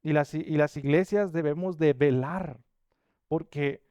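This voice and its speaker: A man's voice: a little high, unhurried, warm tone, clear, resonant tone, no room sound. A man giving an informal Bible teaching at church, talking in a casual way with many fillers and tag questions. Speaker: Sunday school teacher.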